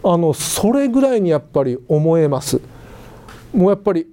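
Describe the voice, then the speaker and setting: A middle-aged male lecturer gives a relaxed, conversational class, throwing rhetorical questions at his students. His voice sits a little high and swings up and down a lot. The tone is mellow and dark. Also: moderate pace. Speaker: university lecturer in English education.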